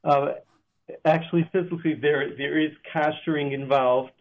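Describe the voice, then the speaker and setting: A man on a speakerphone call, a kosher supervisor at a flavor plant, speaking in a halting way as he searches for words. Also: fairly high pitch, steady tone. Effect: phone on speakerphone. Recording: tinny phone line.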